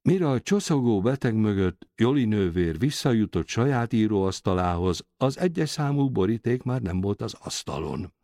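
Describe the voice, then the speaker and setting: A man narrating an audiobook in an expressive, scripted way on a close studio mic. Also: on the low side, few pauses, no echo. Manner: expressive, varied intonation.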